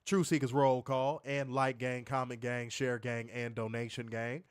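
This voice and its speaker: Co-hosting a wrestling review podcast, a man rants bluntly and profanely while congested and stuffed up with a cold. His voice is medium-pitched and smooth, his delivery flat at a moderate pace.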